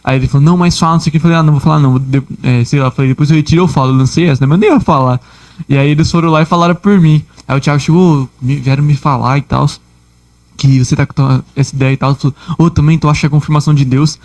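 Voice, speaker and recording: Quick-talking Brazilian podcast co-host. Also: male voice, fairly high pitch, fairly even intonation, darkish tone. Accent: Brazilian Portuguese. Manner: chatty, slangy storytelling. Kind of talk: casual chat.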